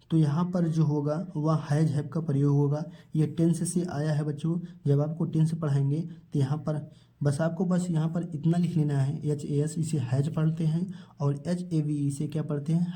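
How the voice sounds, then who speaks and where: A man's voice: fairly high pitch, mellow. A man teaching an English spelling and pronunciation lesson. He asks each question and answers it himself, repeating every word and calling his viewers children.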